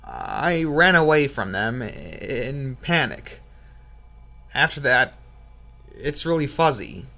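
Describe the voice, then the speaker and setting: A man's voice: medium pitch, big pitch swings, slow pace, gravelly, long pauses, pushed and bright, exaggerated voice. A dazed, anxious young man. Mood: shaken. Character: shaken young man, dazed after being stunned.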